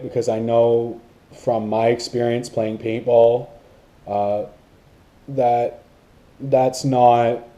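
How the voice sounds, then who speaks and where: A man's voice: mid-range voice, dark tone. A man vlogging about paintball to camera, in a rambling casual talk with many fillers and restarts.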